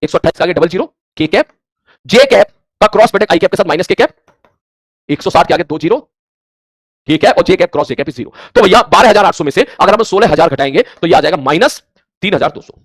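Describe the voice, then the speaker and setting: A man's voice: high voice, no room sound. A man teaching a physics lesson for exam prep. He acts out his students' answers and keeps asking if they follow. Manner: rapid, animated teacher who acts out student replies; addresses students informally, asks checking questions.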